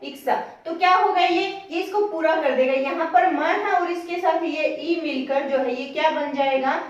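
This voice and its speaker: A woman's voice: high voice, normal speed, lo-fi sound. A woman teaching a grammar lesson, posing questions to her students and answering them herself, repeating the key words. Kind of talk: classroom-style lesson. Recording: very echoey room, voice from a distance.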